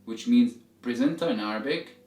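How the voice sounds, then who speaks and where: A man's voice: medium pitch, normal speed, darkish tone. A man giving a step-by-step language lesson as a teacher, explaining methodically and repeating examples for learners. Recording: roomy echo, distant mic, music behind.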